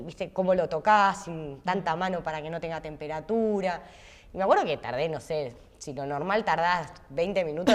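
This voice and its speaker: Argentine woman chef telling lively stories. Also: fairly low pitch. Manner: animated, acts out her own past thoughts in quotes. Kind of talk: interview storytelling.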